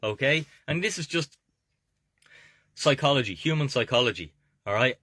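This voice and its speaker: A man's voice: mid-range voice, lively intonation, moderate pace, bright, forceful tone, slightly rough, no room sound, clean studio sound. An Irish man giving informal, motivational investment advice to viewers as a coach and video host, emphatic and often checking that listeners follow. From Ireland. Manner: emphatic, repeatedly checking with "okay?". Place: inside a camper van.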